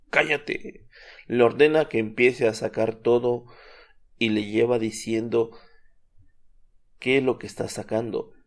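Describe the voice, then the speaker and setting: Low-voiced man narrating solemnly. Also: a little mellow. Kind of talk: scripted narration.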